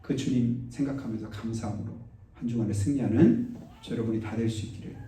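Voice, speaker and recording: A man preaching a sermon as pastor. He tells stories vividly, acts out the people in them, and rises to loud exclamations. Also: medium pitch, fast. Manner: animated storytelling, acts out quoted voices, rises to loud exclamations. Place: church sanctuary. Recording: roomy church from a distance.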